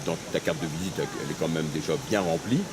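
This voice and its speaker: A man's voice: extremely low pitch, fast, noisy background. A man interviewing a runner after a mountain race, hesitant, with many fillers and tag questions. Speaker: sports interviewer. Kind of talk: outdoor post-race interview.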